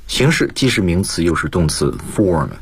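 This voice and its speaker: A man's voice: deep voice, very animated, normal speed, creaky, breathy edge. A male lecturer explaining English vocabulary and grammar on a radio lesson, mixing English terms into his Mandarin explanations. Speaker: guest lecturer, school principal.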